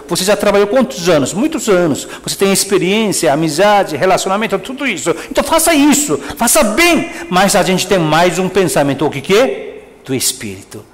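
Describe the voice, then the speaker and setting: A male pastor preaching a sermon, acting out quoted speech and dropping to soft murmurs for prayers. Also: high voice. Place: church. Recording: long reverb of a church hall.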